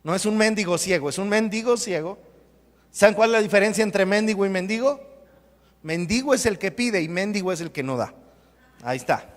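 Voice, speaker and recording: A man preaching a sermon as pastor, emphatic and repetitive, with sudden loud bursts. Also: high-pitched, animated, fairly quick. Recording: long hall reverb.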